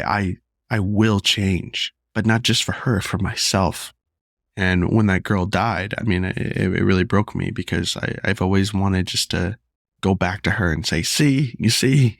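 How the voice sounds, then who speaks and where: Earnest host, low gravelly voice. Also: male voice, no echo, studio quality. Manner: earnest, confessional. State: losing his voice, unwell. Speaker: podcast host. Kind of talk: solo podcast monologue.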